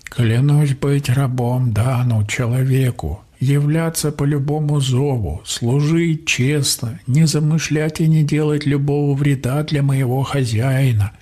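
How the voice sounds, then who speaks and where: A man's voice: medium pitch, dark tone, pitched above the performer's own voice, lightly acted. A man voicing a gurgling trapped water spirit. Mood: solemn oath. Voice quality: gurgling, grunting. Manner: pleading then haughty, drawn-out slow speech.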